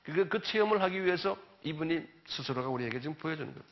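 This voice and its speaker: A male pastor delivers a sermon in a fairly high voice, retelling the story with vivid, animated delivery and sudden loud outbursts for the characters. The recording is muffled and lo-fi. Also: quick pace. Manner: animated storytelling, acting out biblical voices loudly. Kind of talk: sermon lecture. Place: church or seminar hall. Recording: dull lo-fi recording.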